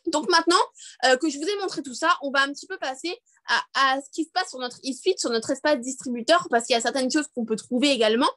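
A woman's voice: high voice, no echo. A young woman leading a live online training over a video call, chatty and upbeat, with many fillers and restarts. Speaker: network marketing trainer.

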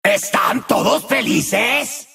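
An actor voicing a gleefully murderous demonic party clown for a video game, with a gravelly, raspy, cackling voice and a Latin American Spanish accent. He taunts in a singsong, breaks into manic shouts, and drops into sudden low growls. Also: very slow, soft background music, full character voice. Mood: gleeful menace.

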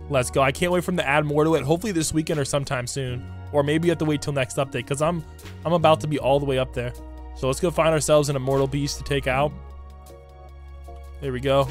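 Hoarse, raspy man doing casual game commentary. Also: a little high. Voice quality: raspy, like a smoker's voice. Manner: slangy hype talk addressed to viewers. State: hoarse, recovering from a lost voice. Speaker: gaming YouTuber. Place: indoor room at a computer. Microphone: desk microphone close to the mouth.

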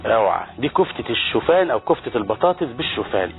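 Fast-talking Egyptian TV chef, tinny sound. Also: male voice, mid-range voice, big pitch swings, creaky. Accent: Egyptian Arabic. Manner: exclamatory, playful banter with crew. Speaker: TV chef and cooking show host. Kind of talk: lively cooking demonstration. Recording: tinny phone-like broadcast audio with faint music.

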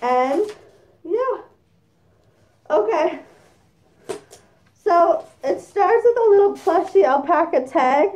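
Excitable woman vlogger with a very high, warm voice, speaking from inside a costume head. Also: slow, pauses often. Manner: chatty and excitable, gushing over gifts. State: talking through a costume head. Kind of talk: casual unboxing chat.

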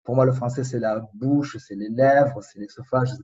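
A man with a slight Spanish accent, a native Spanish speaker, talking as a guest in a casual conversation, reflective and pausing to find his words. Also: mid-range voice, steady tone, mellow, recorded from a distance, lo-fi sound. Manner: reflective, searching for words, many pauses.

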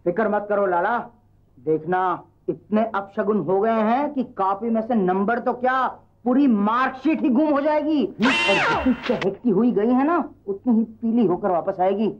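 A man's voice: high voice, lively intonation, a little slow, a little hiss or hum. An actor playing a sly, scheming male helper who mocks the family in an old TV sitcom. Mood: mocking. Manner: sly, mocking. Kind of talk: 1990s TV sitcom acting. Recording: dull lo-fi old TV audio.

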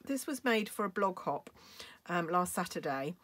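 Hiccuping UK woman, casual craft demonstrator, slightly low, chatty and apologetic. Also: lively intonation, normal speed, a bit bright. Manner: chatty, apologetic, frequent ums. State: has hiccups.

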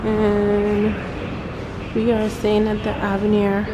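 A woman's voice: mid-range voice, monotone, takes it slowly, a crowd in the background. A woman travel vlogger chatting casually to the camera. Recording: noisy on-the-go travel audio.

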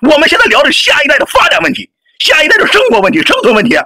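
A man arguing in a heated online debate, shouting and near tears, agitated, repeating himself. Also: very high-pitched, wildly swooping pitch, rapid-fire. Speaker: livestream debater.

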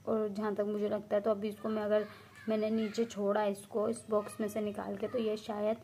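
A woman's voice: mid-range voice, completely flat delivery, a little fast, warm tone, slight background noise. A woman hosting a casual pet vlog, chatting to viewers and coaxing her cats to come and eat. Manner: coaxing, calls pets by name. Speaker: cat owner and channel host.

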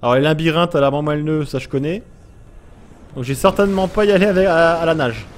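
A man's voice: a little high, a little fast, a little hiss or hum. A gaming YouTuber commentating a let's play, jumpy and easily scared, yelping and talking to the creatures he meets. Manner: jumpy, frightened, talks to creatures, yelps.

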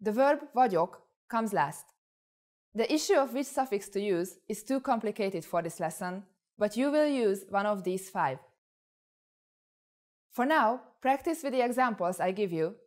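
A young woman teaching a scripted language lesson, speaking clearly and enunciating carefully, with Hungarian as her first language. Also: mid-range voice, lively intonation, moderate pace, darkish tone. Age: young adult.

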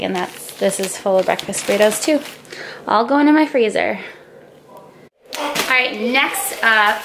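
A gravelly, mid-range voice belongs to a woman in her twenties who vlogs her meal prep in her home kitchen. Chatting casually, she fills her step-by-step explanations with fillers. A handheld camera records her, sometimes close in selfie framing and sometimes far, with loud kitchen noise in the background.

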